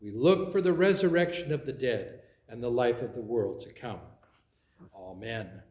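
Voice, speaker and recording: A man leading a worship service as priest, reciting prayers in a measured, solemn way, with his voice ringing in an echoing church. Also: mid-range voice, a little mellow. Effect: echoing church reverb. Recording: roomy echoing church sound.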